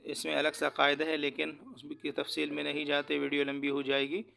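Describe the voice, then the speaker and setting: A man teaching Quran recitation, spelling out each syllable slowly and then chanting the verses in a slow, drawn-out style, with quick low asides between drills. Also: completely flat delivery, gravelly, sharp tone.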